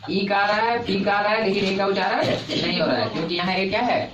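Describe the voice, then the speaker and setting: A man's voice: sits high, fairly quick, dull audio. A man teaching an English lesson to a class, repeating each point and asking the pupils questions. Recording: echoey classroom from far off, noisy.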